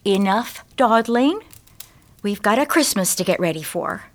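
A woman's voice: medium pitch, lively intonation, a little slow, very noisy. An actress playing a prim, motherly old Mrs. Claus in an audio drama, with a fussy, proper way of talking.

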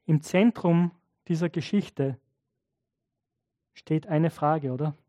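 A man's voice: a little high, slow pace, dark tone, no room sound, dull audio. A man preaching a sermon, telling a story in a conversational way and addressing his listeners directly. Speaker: pastor.

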